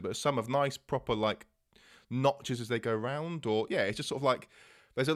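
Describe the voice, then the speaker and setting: A man's voice: mid-range voice, a bit bright. A man co-hosting a podcast, chatting casually about technology with many restarts and fillers. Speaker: podcast co-host. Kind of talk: casual tech chat. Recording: podcast mic.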